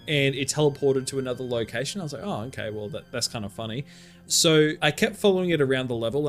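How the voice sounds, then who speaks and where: Male co-host, excitable rambler who laughs a lot, mid-pitched, faint music underneath. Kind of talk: casual gaming chat.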